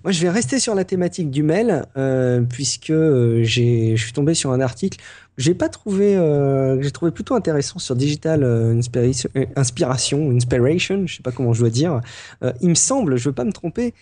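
A man chats casually as a podcast co-host, his voice warm and mellow. He talks in a halting way, with frequent fillers and restarts. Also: a little high, sing-song. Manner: hesitant, many fillers and restarts. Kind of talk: casual chat.

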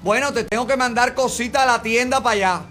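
High-voiced joking host. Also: male voice, fast, loud music behind the voice. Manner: joking, teasing. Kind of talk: live call-in game show chat.

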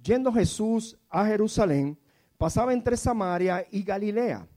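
Here a preacher in his fifties, high-pitched and measured in pace, delivers his sermon as a story. He often drops to a hushed voice and gets the congregation to echo words after him.

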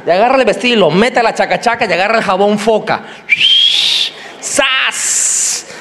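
High-voiced Mexican preacher in a reverberant hall. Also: male voice, rapid-fire. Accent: Mexican Spanish. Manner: animated, jokey, acts out squealing characters in a high voice. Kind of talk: sermon. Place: large church hall.

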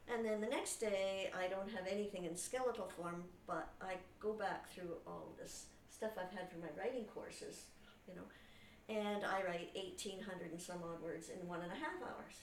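A woman with a slightly nasal voice, chatting in a writing group and explaining grammar patiently. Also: mid-range voice. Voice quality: nasal from paint fumes. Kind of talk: casual group chat. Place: small room with a group. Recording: roomy, distant, faint hiss.

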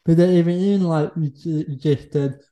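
A man hosting a casual podcast interview in halting, fragmented phrases. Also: a little high, steady tone, warm tone. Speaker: podcast host.

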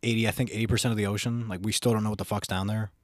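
A young man with a low-pitched voice talks very quickly in a casual frat-bro way. He banters with a friend, leaning on slang and swearing, in a close, dry recording. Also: level tone, no echo. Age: young adult.

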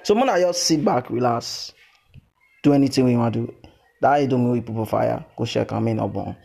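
A Nigerian-accented man hosting a podcast, chatting informally and playfully with animated teasing and Pidgin slang. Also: mid-range voice, fairly quick, vocal fry, slightly rough. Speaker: podcast host.

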